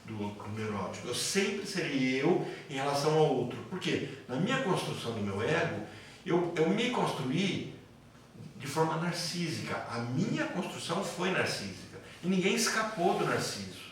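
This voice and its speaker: A man's voice: fairly high pitch, very animated, moderate pace, slight background noise. Brazilian man with a light São Paulo interior accent teaching a class, anecdotal and repetitive, recorded from afar in a roomy hall. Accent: light São Paulo interior Brazilian Portuguese. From interior of São Paulo state, Brazil. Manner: conversational, repeats himself, tells anecdotes. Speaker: psychoanalysis teacher. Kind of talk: lecture to a class. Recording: echoey classroom from far off.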